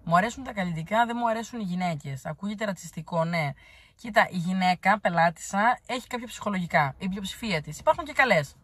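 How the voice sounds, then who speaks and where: A woman's voice: medium pitch, dry recording. A woman from Crete, answering viewer comments in a blunt, teasing, chatty way. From Crete, Greece. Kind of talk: casual chat.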